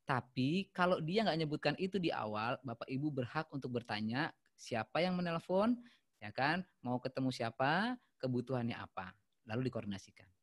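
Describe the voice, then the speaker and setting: A man's voice: medium pitch, animated, normal speed. A man teaching a workshop who talks straight to his audience and acts out example calls. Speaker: trainer. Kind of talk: workshop lesson on phone etiquette.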